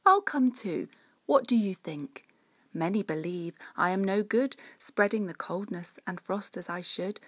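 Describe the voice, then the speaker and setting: A woman's voice: mid-range voice, unhurried, husky, no echo. A woman voicing a regal, cheerful winged winter queen in a storybook, grand, theatrical and inviting.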